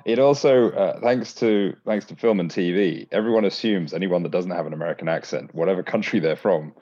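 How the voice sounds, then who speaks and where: Deep quick-talking British man. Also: dark tone. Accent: British, London. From Bangladesh. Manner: self-deprecating, chatty. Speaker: guest filmmaker. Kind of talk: casual interview chat. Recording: dull lo-fi call audio.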